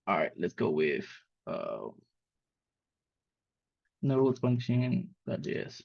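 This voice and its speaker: Speaking slowly in a mid-range, creaky, darkish voice with a sing-song lilt, a coding instructor born in Mexico and raised speaking Spanish rambles casually through a live lesson. He fills it with fillers and restarts. The lo-fi recording sounds dull and has no room sound.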